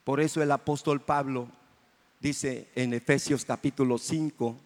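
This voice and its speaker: Unhurried and fairly even in intonation, a mid-range male voice belongs to a pastor giving a fervent sermon. In the reverberant church hall, he keeps asking the congregation for amens.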